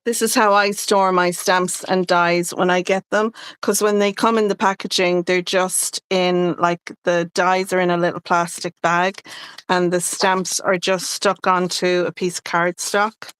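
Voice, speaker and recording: A woman's voice: fairly low pitch, level tone, measured pace, a bit bright, clean tone, dry recording. A woman co-hosting a crafting livestream, talking casually through each step as she works. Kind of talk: casual chat while crafting live.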